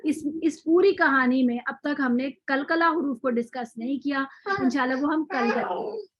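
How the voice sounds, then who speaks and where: A woman teaching a tajweed lecture, explaining patiently, repeating example words slowly, with frequent fillers and self-corrections. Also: high voice, no echo, highs cut off. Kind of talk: online lecture with recap.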